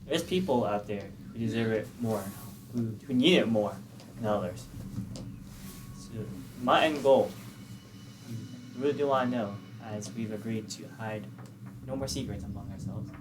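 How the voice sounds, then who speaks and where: A man's voice: lowish voice, background noise, close to an everyday voice. A man voicing an earnest radical idealist. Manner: measured, earnest, halting with restarts. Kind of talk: voicing a character in a tabletop game.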